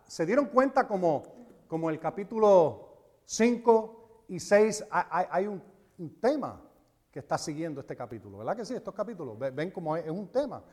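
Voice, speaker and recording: A man preaching a sermon, animated and emphatic, repeating phrases for stress. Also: sits high. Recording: reverberant hall.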